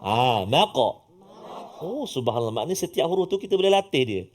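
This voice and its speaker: A middle-aged man teaching Quran recitation, coaxing learners to repeat after him and chanting example words. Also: a little high. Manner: lively, coaxing, models recitation in drawn-out chant. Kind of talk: tajwid lesson with call-and-response practice.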